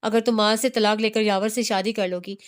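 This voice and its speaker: A woman's voice: medium pitch, little pitch movement, clean tone, natural voice. A woman reading the part of a persuasive young woman who coaxes her friend to leave her husband. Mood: coaxing. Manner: coaxing, insistent.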